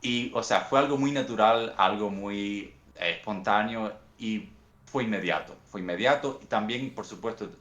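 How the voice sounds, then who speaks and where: A young Cuban man with a Cuban accent, answering interview questions in a thoughtful, unhurried storytelling way, often restarting his phrases. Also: fairly low pitch, fairly bright tone, reverberant. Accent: Cuban Spanish. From Cuba. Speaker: guest author.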